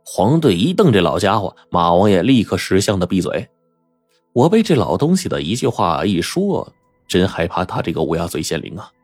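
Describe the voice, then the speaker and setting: A man narrating a first-person adventure audiobook in a dramatic, animated manner. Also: low-pitched, normal speed, breathy edge, no room sound, clean studio sound, faint music behind.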